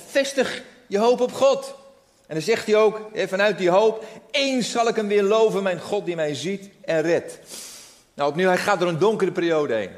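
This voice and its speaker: A man preaching a sermon as pastor, earnest and with frequent restarts on his words. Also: fairly high pitch. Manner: earnest, repeats words when starting sentences.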